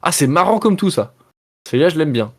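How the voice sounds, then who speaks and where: A man's voice: on the high side, animated, a little fast. A man hosting a live board game stream, chatting casually with viewers, joking about himself and reading card texts aloud as he plays. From Belgium. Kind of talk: casual live-stream chat while playing.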